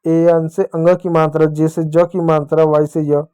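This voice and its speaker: Male teacher, patient, spells words out for kids, clear, slightly high voice. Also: flat delivery, mellow. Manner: patient, repeats words slowly and calls the kids dear children. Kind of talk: children's reading lesson.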